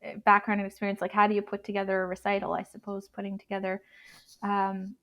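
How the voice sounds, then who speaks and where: Flat-voiced Canadian woman, halting. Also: medium pitch. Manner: halting, many restarts and fillers. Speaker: guest bagpiper. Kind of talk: casual interview chat.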